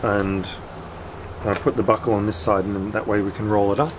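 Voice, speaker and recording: Working with his hands aboard an anchored sailboat, a man in his fifties explains his repair step by step. His voice sits fairly low, with fairly even intonation and a slightly fast pace. Outdoor wind and ambient noise come through on the camera mic.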